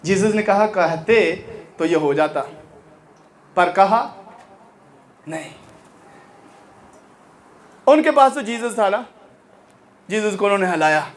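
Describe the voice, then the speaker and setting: High-voiced man preaching fervently. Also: animated, slow, long pauses. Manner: fervent preaching, rising to shouts and dropping low; acts out congregants' voices. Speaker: pastor. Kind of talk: sermon.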